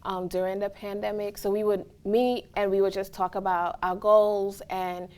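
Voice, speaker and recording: Her voice is medium-pitched, darkish and level, at a normal speed. She's a college staff member from Trinidad and Tobago being interviewed casually, giving thoughtful, earnest responses and frequently adding "right?".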